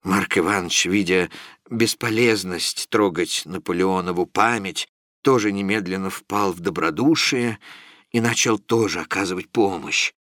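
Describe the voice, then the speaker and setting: A man reading classic fiction aloud as an audiobook narrator, in a measured, expressive way. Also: low voice, no room sound, studio quality.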